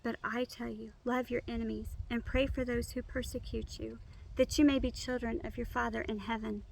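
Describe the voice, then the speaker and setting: A woman reciting memorized scripture by rote, in measured, complete phrases. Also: a little high, level tone, gravelly, poor audio.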